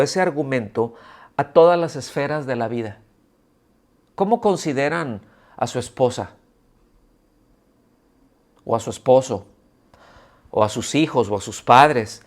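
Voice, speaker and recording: A man, speaking at a middle pitch, delivers a sermon at a church service. He keeps asking his congregation questions and slips into grumbling voices to mimic complainers. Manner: asks the congregation many rhetorical questions. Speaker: pastor. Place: church service streamed on video call.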